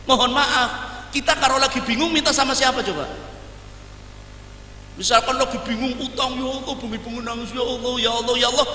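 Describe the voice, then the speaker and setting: Man, sermon, high bright voice, echoey hall, far from mic. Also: a little hiss or hum. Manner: conversational teaching, mixing in Javanese and Arabic phrases; animated, acts out everyday scenes. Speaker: preacher.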